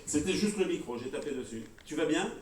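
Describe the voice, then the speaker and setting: A man's voice: on the high side, animated, fairly quick, slight background noise. A man giving a comic stage talk, playfully teasing the audience. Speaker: speaker at a humorous talk. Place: cultural venue hall with a live audience. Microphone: handheld mic, filmed by smartphone from the audience. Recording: echoey hall, phone from far off, loud audience.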